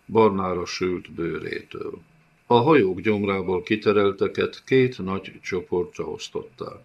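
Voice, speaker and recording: Low voiced guy reading an audiobook, steady storytelling, kinda muffled lo-fi sound. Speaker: audiobook narrator. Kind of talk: scripted narration.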